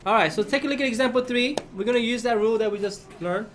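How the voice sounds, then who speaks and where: High-pitched male teacher talking to class. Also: fast, slight background noise. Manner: questioning, prompts class for answers and checks understanding. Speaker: math teacher.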